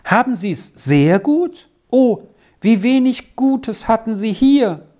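Grieving mother from a storybook, tearful, plaintive, trembling, slow, voiced by a woman. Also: mid-range voice, lively intonation, darkish tone. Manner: plaintive, sobbing.

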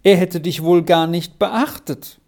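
A reader voicing a calm mother in a storybook, with a soothing, patient way of speaking. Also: mid-range voice, a little slow, natural voice. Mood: gentle.

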